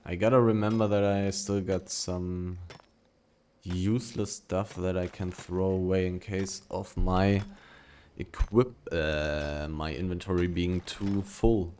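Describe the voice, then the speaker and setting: A man's voice: deep voice, little pitch movement, slow pace, a little mellow, slight background noise. A man giving casual running commentary while he plays a video game, thinking aloud and humming between remarks. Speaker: gaming video creator.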